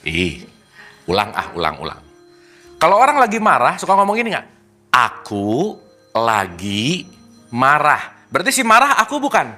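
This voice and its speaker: A man giving an informal spiritual talk to a group, lively and teasing, full of rhetorical questions. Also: high-pitched, quick pace, faint music behind. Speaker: spiritual teacher.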